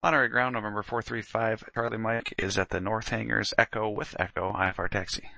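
Low, gravelly male pilot. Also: little pitch movement, a little fast, pushed and bright, no room sound. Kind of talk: procedural radio readbacks.

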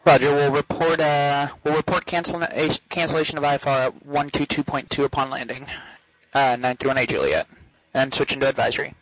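A man speaking as a private pilot, giving somewhat halting readbacks over radio. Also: a little high, fairly even intonation, a bit bright, no room sound. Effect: radio transmission. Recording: dull band-limited radio audio.

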